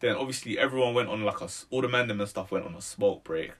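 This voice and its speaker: A man's voice: lowish voice, fast talker, fairly bright tone. A man in his twenties with a London roadman accent, chatting casually as a musician being interviewed, in street slang. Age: 20s. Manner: street slang, tags sentences with "innit" and "bro".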